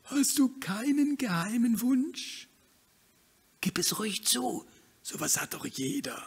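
A blind, pushy hen bursts through this storybook, loud and sky-high. Her voice leaps all over the place, boastful and impatient, with a raspy catch in it. She is always sure she knows best. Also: very animated, slow, full character voice. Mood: coaxing. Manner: boastful, bossy, theatrical.

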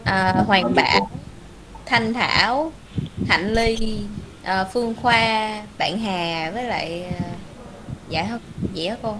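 A woman's voice: medium pitch, slow pace, noisy background. A teenage girl student who hesitantly lists classmates' names for her teacher.

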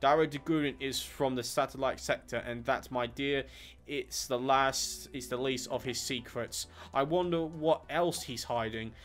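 A man reading the lines of a smug, sinister male villain from a video game in a low, mocking way. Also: measured pace, fairly bright tone, natural voice.

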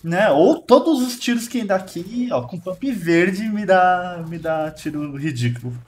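A man with a Brazilian Portuguese accent, hosting a gaming video and commentating his matches casually, quick to exclaim and laugh at his own plays. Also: high-pitched, animated, a little hiss or hum.

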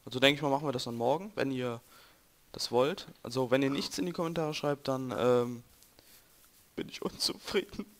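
Here a let's-play gamer, a young man with a German accent, keeps up casual gameplay commentary, joking and chatting with his viewers as he plays. His voice is mid-range and fairly bright, at a moderate pace, in a noisy home recording.

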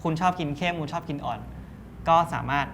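Brief: young male cafe owner, slightly high voice, casual explainer, faint room ambience. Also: a little fast, fairly bright tone, slight background noise. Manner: explains step by step, loose and chatty. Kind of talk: casual interview.

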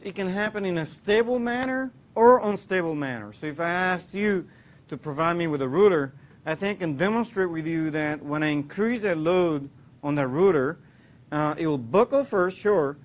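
A man's voice: sits high, animated, normal speed. A man from Puerto Rico, in his thirties, giving a classroom engineering lecture, explaining with many fillers and restarts. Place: lecture hall.

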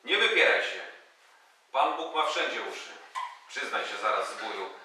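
A man's voice: mid-range voice, expressive, normal speed, pushed and bright. A man voicing a hot-tempered, cocky male soldier who scolds, hurls insults and sings, in a stage reading of a play. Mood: scolding. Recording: echoey hall from far off.

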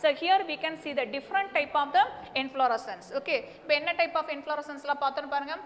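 A woman's voice: high voice, very fast, a bit bright. A middle-aged woman with a South Indian Tamil accent, a native Tamil speaker, teaching a classroom lesson that mixes English and Tamil, repeating points emphatically with frequent check-in words. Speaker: botany teacher. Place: indoor teaching studio beside a display board. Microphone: lapel mic. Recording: echoey room with clear background noise.

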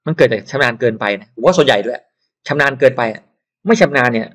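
A man giving a casual software tutorial who chats and digresses into advice while working. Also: mid-range voice, animated, fast. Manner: chatty, digresses into advice and asides.

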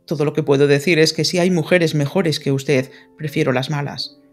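A woman's voice: deep voice, steady tone, normal speed, faint music behind. A woman reading a grave, pleading English lord. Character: earnest lovesick English lord, adult man. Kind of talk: audiobook character reading.

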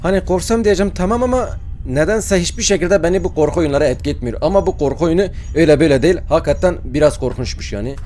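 A man's voice: fairly high pitch, rapid-fire, hardly any pauses, a little mellow, slight background noise. A young man playing a horror game and commenting as he goes, acting brave, then yelping and shrieking in fright and muttering prayers. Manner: jumpy, mock-brave, yelps and screams in fright, mutters prayers when scared. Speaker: gaming YouTuber.

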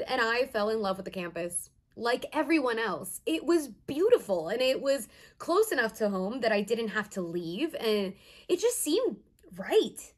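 A young adult woman with a fairly high voice plays an earnest first-generation college student. Her dramatized monologue is conversational and emotive, fond and candid in mood, with hesitant pauses throughout.

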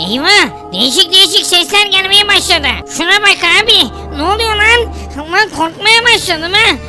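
A man's voice: extremely high pitch, pushed and bright, voice pushed up, exaggerated voice. A man voicing a jumpy, easily scared male villager who exclaims and panics in a game roleplay.

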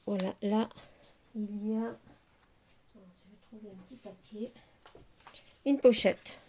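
A middle-aged woman hosting a casual crafting video, chatty and unhurried with many fillers as she shows her handmade work. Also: medium pitch, warm tone. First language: French. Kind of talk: casual crafting show-and-tell.

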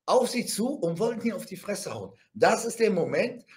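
Animated high-voiced man telling a brawl story. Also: normal speed. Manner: animated and blunt, crude slang, constant tag questions, vocal sound effects. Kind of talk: casual spoken anecdote.

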